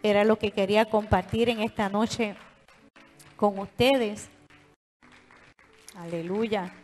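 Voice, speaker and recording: A woman with a Puerto Rican Spanish accent preaching a sermon in a church, animated and calling on the congregation to answer and repeat after her. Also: mid-range voice, slow pace, faint music behind. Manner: animated, call-and-response with the congregation. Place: church sanctuary. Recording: long hall reverb.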